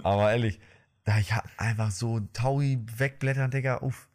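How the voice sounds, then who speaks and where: A man's voice: medium pitch, steady tone, moderate pace, a little mellow. Young man telling a story with slang. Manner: storytelling with slang, laughing often. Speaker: podcast co-host. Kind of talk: casual chat.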